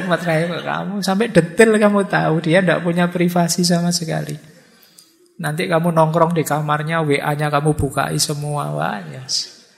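A man with a Javanese accent lectures an audience in a relaxed, chatty way, dropping in joking everyday examples. His voice sits a bit high for a man and has a gravelly edge. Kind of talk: relaxed public talk to an audience.

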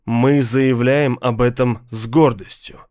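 A man's voice: mid-range voice, fairly even intonation, slow pace, darkish tone, dry recording, clean studio sound, lightly acted. A proud, idealistic father speaking in earnest declarations, as a male narrator reads him. Audiobook reading in the narrator's own middle voice.

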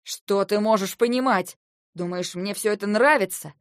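A woman reading an audiobook, voicing a hot-tempered young man who shouts and reproaches his sister. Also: medium pitch, normal speed, no echo, studio quality, natural voice. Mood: shouting.

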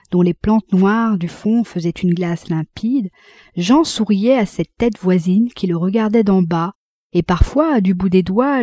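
A woman reading a classic novel aloud in an expressive, measured audiobook narration. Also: mid-range voice, no room sound. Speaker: audiobook reader.

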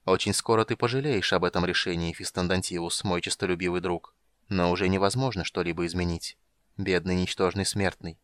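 A dark goddess, read by a man in his own low voice, speaks with slow, coldly calm command. Her lines are close and dry, without any room sound, as in an audiobook. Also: dry recording, natural voice. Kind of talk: audiobook character voice.

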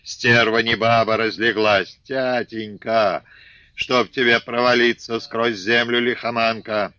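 A man reading an audiobook, voicing a gruff, domineering old peasant father who shouts abuse. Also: medium pitch, unhurried, no echo, dull audio. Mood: furious. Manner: shouting, abusive.

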